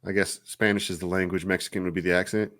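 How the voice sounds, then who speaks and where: A man's voice: deep voice, little pitch movement, fast, fairly bright tone. A man co-hosting a casual live review show, easygoing and agreeable, chuckling often. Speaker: co-host of a soda review show.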